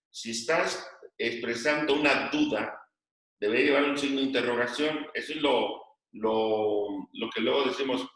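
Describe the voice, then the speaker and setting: In an echoey room, heard from a distance, a male teacher with a mid-range, fairly bright voice explains a grammar point and dictates notes to his class. He often repeats phrases during the lesson.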